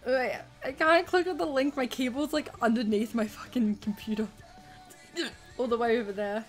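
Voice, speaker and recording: A woman with a high-pitched voice chats to her livestream audience. Her manner is casual and giggly, with loose swearing. There is faint music in the background. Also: normal speed. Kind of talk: casual livestream chat with viewers.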